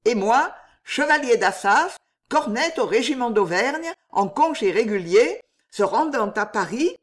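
A woman's voice: a little high, lively intonation, unhurried, pitched above the performer's own voice. A woman reading aloud voices a bold young male cavalier with a vibrant, defiant delivery. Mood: proud.

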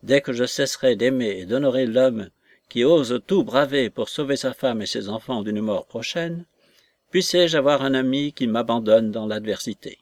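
A generous young gentleman, firm and sincere, voiced by a man reading aloud. Middle-pitched and dry in tone. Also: moderate pace, no room sound, close to an everyday voice. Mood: earnest. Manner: firm, earnest.

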